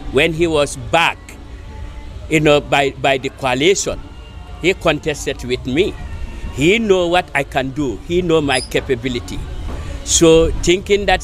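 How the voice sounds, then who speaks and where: A man, an independent candidate answering reporters' questions outdoors, emphatic and boastful, full of "you know". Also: a little high. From Gambia. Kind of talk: impromptu press interview. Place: outdoors by an electoral office.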